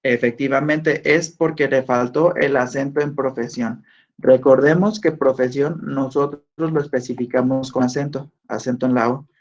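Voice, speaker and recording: Over dull lo-fi audio, a man teaches an online class in a mid-range, steady voice. He proceeds slowly and deliberately, questioning his students as he goes.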